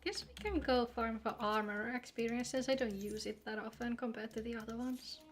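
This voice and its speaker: A woman with a slightly high voice chats casually on her gaming livestream at a moderate pace, playful and joking as she plays. There's music in the background.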